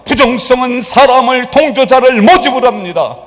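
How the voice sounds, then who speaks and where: A male pastor preaching a sermon, swinging from loud proclamation to hushed whispers. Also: very high-pitched, lively intonation, moderate pace. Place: church sanctuary. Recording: church hall with long reverb.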